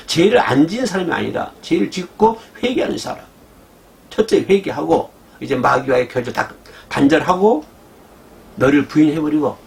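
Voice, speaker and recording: Male pastor, animated sermon delivery, gravelly, lively pitch. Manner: animated preaching, asks the congregation "그죠?" often; acts out God's scolding voice in quotes.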